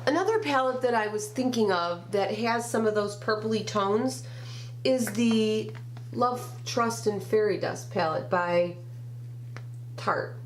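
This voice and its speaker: An older woman, a grandmother working as a beauty vlogger, speaks slowly in a mid-range voice made nasal and stuffed-up by a summer cold. She chats through a makeup review in a small bedroom, naming each shade one at a time. The camera sits at desk distance, and there's a slight hiss or hum.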